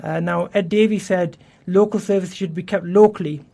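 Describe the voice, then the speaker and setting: A man's voice: high voice, fairly even intonation, normal speed, vocal fry, mellow. Earnest man campaigning on air. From England. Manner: earnest campaigning, frequent restarts and repeated words. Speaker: election candidate. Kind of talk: radio interview answers. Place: radio studio.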